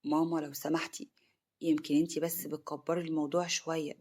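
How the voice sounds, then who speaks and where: Woman doing a lowered-voice young Egyptian husband. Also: fairly even intonation, rapid-fire, mellow, natural voice. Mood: soothing. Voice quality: lowered, pleading voice.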